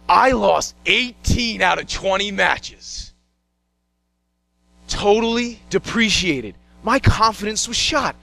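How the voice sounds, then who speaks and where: A young man with a very high, bright and sharp voice performs a one-man stage show. He tells his story in an animated way, acting out the scenes and slipping into other voices. The sound is dry and close. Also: gravelly, no echo.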